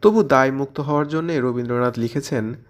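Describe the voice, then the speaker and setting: The presenter of a literary audio channel, a man with a brisk, medium-pitched voice, offers scripted literary commentary. His approach is explanatory: he poses questions and answers them along the way.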